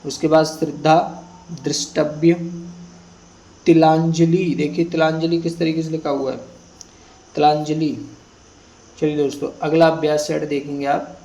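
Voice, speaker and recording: A man teaching Hindi spelling, reading out a word list slowly and repeating each word for students to copy. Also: a little high, level tone, dark tone, poor audio. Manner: slow, repetitive word-by-word dictation. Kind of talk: exam prep lesson, reading word list.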